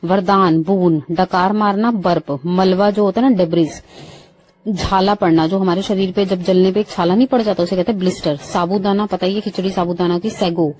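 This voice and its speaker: A woman with an Indian accent teaching English vocabulary, running through word lists quickly and saying the English phrases slowly and clearly. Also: on the low side, fairly even intonation, a little mellow. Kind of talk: vocabulary lesson for Hindi speakers.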